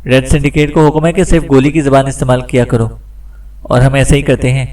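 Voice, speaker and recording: Brief: narrator doing a scared male gangster, halting and stuttering, set back from the mic. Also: medium pitch, flat delivery, a little mellow, recorded from a distance, lightly acted. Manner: stammering, hesitant. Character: frightened captured male gang section chief.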